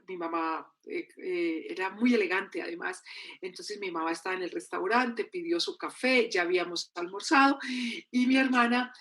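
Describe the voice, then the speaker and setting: A woman's voice: medium pitch, fairly bright tone. A woman, a psychologist, telling a family story in an interview and acting out the voices of her relatives.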